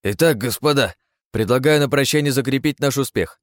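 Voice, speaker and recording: A man's voice: medium pitch, a little fast, dry recording, clean studio sound, voice pushed up, close to an everyday voice. Man as a smug scheming hero. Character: scheming young male hero, mocking and bossy.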